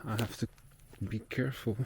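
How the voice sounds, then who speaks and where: A man's voice: on the low side, fairly even intonation, moderate pace, a little hiss or hum. A man casually vlogging his cycle tour, rambling with fillers and restarts, recording outdoors on a handheld camera. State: out of breath. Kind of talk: casual travel vlog narration. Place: outdoors in woods at night.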